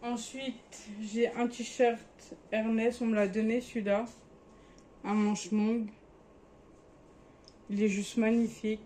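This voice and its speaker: A woman's voice: fairly high pitch, level tone, takes it slowly, pauses often, dark tone, a little hiss or hum. A young woman casually showing her clothes in a vlog, chatty and sometimes hesitant as she searches for words. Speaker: vlogger.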